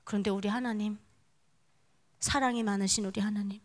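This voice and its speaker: A woman's voice: medium pitch, fairly even intonation, brisk. A young woman from Korea, giving a dramatic, vivid testimony at a prayer meeting and speaking straight to the audience. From North Korea. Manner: vivid, dramatic storytelling that addresses the audience directly. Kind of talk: testimony sermon.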